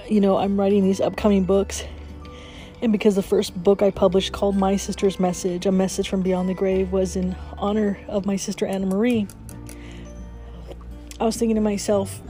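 Sniffly with a cold, a woman hosts her morning podcast in a mid-range, dark-toned voice. She keeps the casual chat cheerful and laughs a lot.

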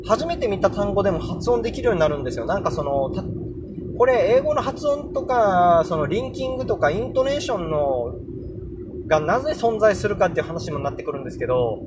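A young man casually hosts a solo podcast on English pronunciation, sounding out example words aloud. His voice sits high, with background noise present.

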